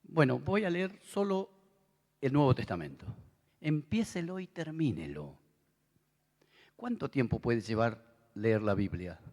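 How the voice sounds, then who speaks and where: Here a middle-aged Argentine pastor delivers his sermon in a mid-range, slightly mellow voice that is very animated yet a little slow, with long pauses. His style is conversational, with asides to listeners, and the large convention hall gives a long echoing reverb.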